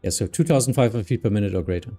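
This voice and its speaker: A man's voice: on the low side, expressive, rapid-fire, mellow, soft background music. A man with a German accent streaming as an air traffic controller, mixing radio phraseology with casual remarks.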